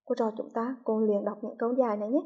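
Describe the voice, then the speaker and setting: Hue-accented woman teacher, slow and careful, breathy voice, muffled lo-fi tv sound. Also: a little high, fairly even intonation. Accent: Vietnamese, from Hue. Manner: slow, clearly articulated, patient. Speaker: primary school teacher. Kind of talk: reading lesson for young children.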